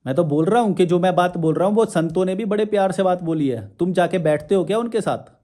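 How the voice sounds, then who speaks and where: A man's voice: sits high, fast, mellow. Sarcastic man scolding his viewers. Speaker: YouTube channel host. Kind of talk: ranting reply to viewer comments.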